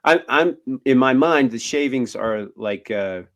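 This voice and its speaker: A man's voice: mid-range voice, lively intonation, unhurried, fairly bright tone. A man co-hosting a podcast in casual chat, hesitant, with many ums and uhs. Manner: hesitant, lots of fillers. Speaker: podcast co-host.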